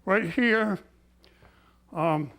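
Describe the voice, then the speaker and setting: An older man with COPD, breathless and high-voiced, airs his grievances as a barber in a folksy, plain-spoken, indignant way. His words are drawn out and his tone fairly bright as he tells his personal story of complaint.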